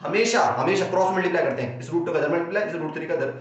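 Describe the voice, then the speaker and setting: A young man with an Indian Hindi accent teaching a fast exam-prep maths lesson, repeating himself and playing out his students' questions before answering them. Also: fairly high pitch. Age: young adult. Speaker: maths tutor. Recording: very echoey, dull lo-fi room sound.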